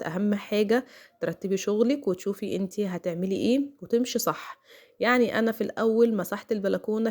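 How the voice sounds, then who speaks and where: Fast-talking Egyptian woman vlogger. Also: mid-range voice, darkish tone. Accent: Egyptian Arabic. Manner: chatty, many fillers, talks to viewers directly. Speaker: home vlogger. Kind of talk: casual voice-over vlog narration.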